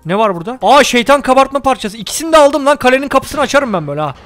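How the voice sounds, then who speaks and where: A young man with a Turkish accent giving excitable, joking commentary while playing a game, often shouting at the characters. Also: very high voice, very fast, soft background music. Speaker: gaming YouTuber. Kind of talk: let's play commentary.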